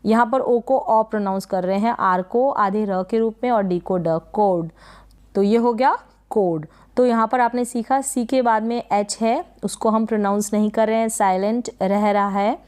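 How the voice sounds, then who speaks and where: A woman giving a spelling and pronunciation lesson in a smooth, clear voice at a middle pitch. She speaks patiently, repeating each word and posing questions to the learner before answering them herself. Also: moderate pace, a little mellow. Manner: patient, repeats words and asks rhetorical questions. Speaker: English teacher.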